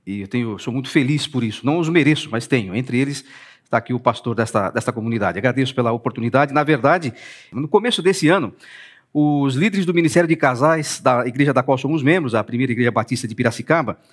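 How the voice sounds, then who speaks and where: A man's voice: medium pitch, fast. A man with a Brazilian Portuguese accent giving a conversational talk in a church, presenting his book and speaking straight to the listeners. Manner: conversational, addresses listeners directly. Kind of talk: church talk streamed live.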